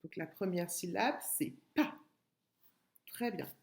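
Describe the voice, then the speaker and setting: A woman schoolteacher giving a recorded lesson to young pupils, patient and clear, repeating words and sounding out syllables. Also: on the low side, slow pace. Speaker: primary school teacher. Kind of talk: remote classroom lesson video.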